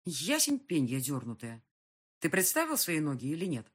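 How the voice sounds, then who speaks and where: A woman's voice: sits low, huge pitch swings, moderate pace, slightly rough, exaggerated voice. A woman voicing an injured young woman trapped in a pit, talking with pleading urgency. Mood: urgent.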